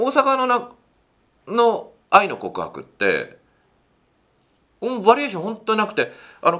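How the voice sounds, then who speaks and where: A man talking through dating advice in a casual monologue, animated and acting out little quotes, with a self-affirming "un" between points. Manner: animated, swoops widely in pitch, acts out quotes.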